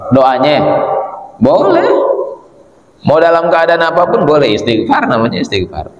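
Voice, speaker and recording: A man's voice: fairly high pitch, measured pace, muffled recording. Man teaching in echoey mosque. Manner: relaxed, conversational, answers questions. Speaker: religious teacher. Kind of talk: informal religious study talk. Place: mosque hall. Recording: echoey mosque hall with long reverb.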